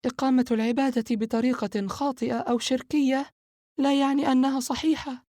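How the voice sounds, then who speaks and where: A man's voice: extremely high pitch, steady tone, fairly quick, darkish tone, dry recording, clean studio sound, pitched above the performer's own voice. A man reading an audiobook, voicing a tense young woman who asks urgent questions in a raised voice. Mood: anxious, pleading.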